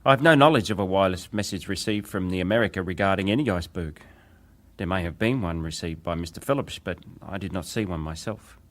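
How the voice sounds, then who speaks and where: In a dramatized hearing, an actor voices a young British wireless operator giving testimony in a formal, deferential, and precise way. His low-pitched male voice moves quickly, the performance lightly acted, and the mood is precise and factual.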